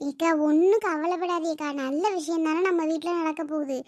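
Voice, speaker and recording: A woman voicing a calm younger aunt in a village cartoon, reassuring her relatives gently. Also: very high-pitched, brisk, no echo, studio quality. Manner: soothing, gentle. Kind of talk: Tamil village cartoon voice acting.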